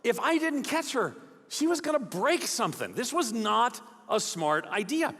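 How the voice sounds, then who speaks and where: A man preaching a sermon as a guest speaker, animated, acting out quoted voices and dropping to soft emphatic lines. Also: very high-pitched, moderate pace, slightly rough. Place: large church auditorium. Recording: long hall reverb.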